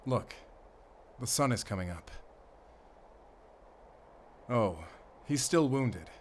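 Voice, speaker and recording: A male actor voices a mysterious, confident monster hunter with a German accent in a gothic horror audio roleplay, speaking measuredly to a companion. His mid-range voice is animated, carrying an urgent, focused mood. There is slight background noise.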